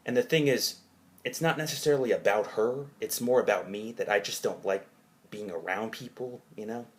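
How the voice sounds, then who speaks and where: A man recounting his own dream in a rambling, halting way, hazy and puzzled as he gropes for details and rephrases himself. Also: lowish voice. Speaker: narrator of own dream journal.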